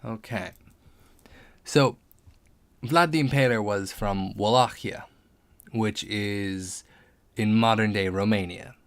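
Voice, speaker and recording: Slow and pausing often, a man with a lowish, fairly bright voice talks casually on a live stream while creating a tabletop game character. He mulls over names and details aloud and responds to comments from viewers.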